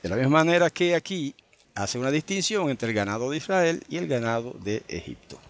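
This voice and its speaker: A man's voice: mid-range voice, big pitch swings, brisk. Man teaching scripture. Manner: conversational, full of tag questions and fillers. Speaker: Bible teacher. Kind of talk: informal Bible study teaching.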